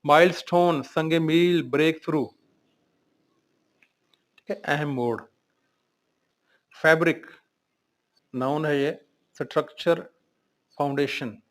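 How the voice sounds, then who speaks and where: A man's voice: on the high side, fairly even intonation, slow pace, pauses often. A male English teacher going through a vocabulary lesson in Urdu, reading out each word and then listing its synonyms and meanings.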